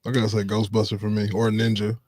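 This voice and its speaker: A man's voice: fairly low pitch, completely flat delivery, darkish tone, dry recording. Playful man chiming in on a podcast. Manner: playful, quick to laugh and chime in. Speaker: podcast co-host. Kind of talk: casual podcast chat.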